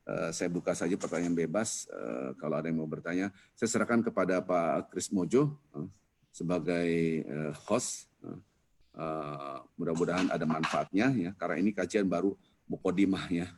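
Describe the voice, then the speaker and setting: A man teaching an Islamic dawn lecture on a video call, telling stories with a lively, rising voice when he explains. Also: slightly rough. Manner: lively storytelling preacher, rises in pitch when explaining. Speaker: ustadz giving a dawn study lecture.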